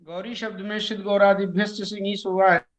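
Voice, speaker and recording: A man teaching Sanskrit grammar in a slow explanatory lecture, reciting word forms in measured, chanting lists, on a dull lo-fi recording. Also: high voice, little pitch movement.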